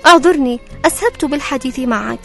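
Shrill-pitched, pleading poor widowed mother. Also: quick pace, creaky, fairly bright tone, faint music behind. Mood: bitter, plaintive. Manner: pleading, plaintive. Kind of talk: radio drama acting.

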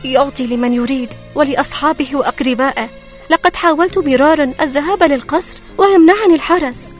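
A woman's voice: high voice, fast, faint music behind, lightly acted. A woman acting a poor, desperate widowed mother in a radio drama, pleading and plaintive. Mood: bitter, plaintive.

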